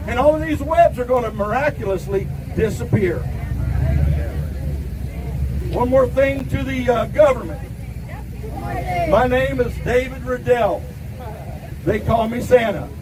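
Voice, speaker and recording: A middle-aged man from Ohio giving a defiant rally speech outdoors, shouting at times. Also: very high voice. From Ohio, USA. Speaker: rally speaker. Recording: distant mic, crowd and street noise.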